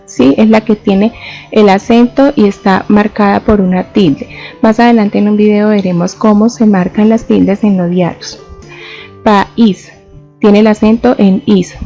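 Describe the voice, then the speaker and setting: Patient woman teacher, mellow lo-fi voice. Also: medium pitch. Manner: patient, explains step by step, says each example word slowly. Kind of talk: classroom lesson. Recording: dull lo-fi voice-over with faint music.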